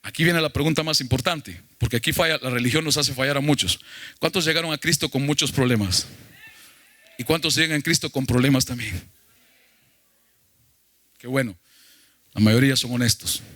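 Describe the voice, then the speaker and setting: A man's voice: mid-range voice, moderate pace, pauses often, sharp tone, no echo. A male pastor preaching a sermon emphatically, putting questions to the congregation.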